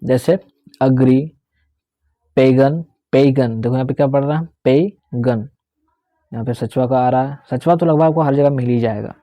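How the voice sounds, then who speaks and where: With a dark, mid-range voice at normal speed and no room sound, a young man explains English pronunciation in Hindi with some English. He takes students through it step by step, repeats key words, and often asks "theek hai" to check in.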